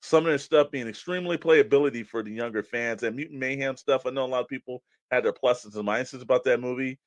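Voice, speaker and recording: Talking at a quick pace with medium pitch, an American man co-hosts a toy podcast in a relaxed, conversational way, recorded without echo.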